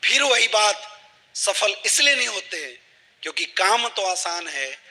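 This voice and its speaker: High bright-voiced male motivational speaker. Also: sing-song, unhurried, big-room sound. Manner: storytelling, asks the audience rhetorical questions. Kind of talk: motivational storytelling talk.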